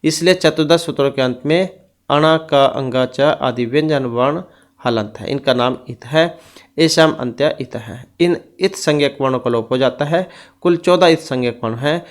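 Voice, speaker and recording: A man's voice: mid-range voice, moderate pace. A man teaching an exam-prep grammar lesson who reads out rules and goes through lists one item at a time.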